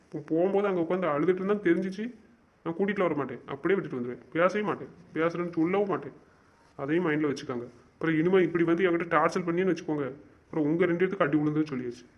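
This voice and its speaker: Lightly acting the part of a hurt, obstinate young lover, a young man rattles off exasperated, insistent complaints at a brisk clip and keeps repeating himself in frustration. His voice runs somewhat high for a man, and this amateur web-drama clip sounds dull and lo-fi.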